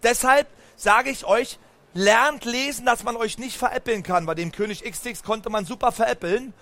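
A man telling a lively story to children, speaking straight to them and asking them questions. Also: extremely high pitch, moderate pace. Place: book fair stand.

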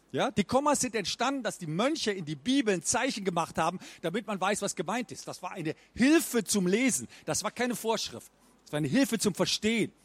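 Give me a lively man speech trainer, animated and high-pitched, who acts out bad intonation. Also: no room sound. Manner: lively, mimics bad speaking habits with exaggerated intonation. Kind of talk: stage talk at a book fair.

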